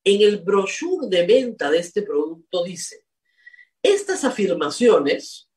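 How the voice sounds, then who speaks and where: A commentator delivers indignant spoken commentary, pitch swinging widely as they press each point. The manner is scolding and emphatic, with points repeated for effect. The voice sits a little back from the microphone. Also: animated, measured pace, a little mellow, recorded from a distance. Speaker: political commentator.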